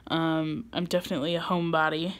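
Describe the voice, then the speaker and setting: A woman in her late twenties speaks quickly in a low, level voice, chatting casually to her camera for a personal vlog. She rambles with lots of ums and likes and laughs at herself.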